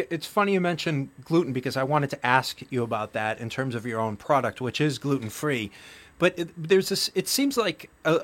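A man's voice: mid-range voice, a bit bright. Chatty, self-mocking male podcast host. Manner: chatty, self-deprecating, repeats words. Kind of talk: casual interview.

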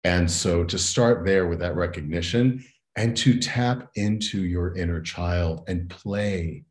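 An earnest, reflective male educator and consultant speaks as an interview guest in a low, unhurried voice. He often tacks on "right?" as he talks.

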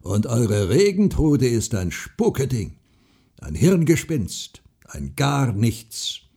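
A man voicing a stubborn, boastful old farmer who speaks gruffly and mockingly. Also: mid-range voice, very animated, takes it slowly, voice pushed up, heavily acted. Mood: boastful, scornful. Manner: gruff, loud and mocking, drawn out.

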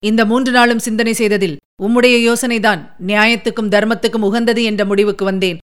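A woman voicing a calm, authoritative male emperor in an audiobook. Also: fairly high pitch, brisk, smooth, close to an everyday voice. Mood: commanding. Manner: composed, authoritative. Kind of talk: audiobook character reading.

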